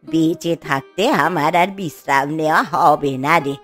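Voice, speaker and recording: A woman's voice: low-pitched, fairly even intonation, normal speed, fairly bright tone, pitched below the performer's own voice. A woman voicing a weary, scolding old grandmother in a cartoon, grumbling and sighing over her granddaughters. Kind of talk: animated cartoon voice acting. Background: faint music.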